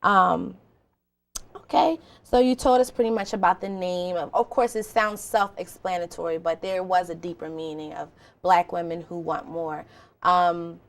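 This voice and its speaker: A woman's voice: lowish voice, normal speed. Effusive woman talk show host. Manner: effusive, rambling, emotional. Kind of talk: casual interview chat.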